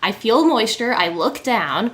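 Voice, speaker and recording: Upbeat woman host, fairly high voice, lively storyteller who laughs a lot. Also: a little slow. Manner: animated storyteller, laughs often. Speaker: podcast host and model. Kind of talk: casual chat.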